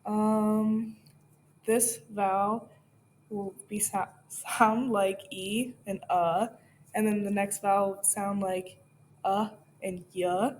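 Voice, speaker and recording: Brief: young woman, very slow delivery, explanatory student presenter. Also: medium pitch, a little mellow, a little hiss or hum. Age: young adult. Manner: explanatory, with ums. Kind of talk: class presentation.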